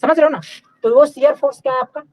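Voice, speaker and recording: A man's voice: very high-pitched, steady tone, fast talker, a little mellow, no echo, poor audio. A man teaching a live online engineering class, asking questions and answering them himself and often checking that students are following. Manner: repeats checks like "okay" and "clear?"; Hindi mixed with English technical terms.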